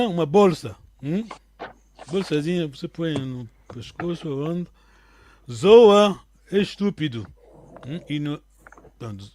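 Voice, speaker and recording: A man whose first language is Kikongo teaches an online language lesson in a slightly high, somewhat mellow voice. He patiently explains words one at a time, checking in with questions often.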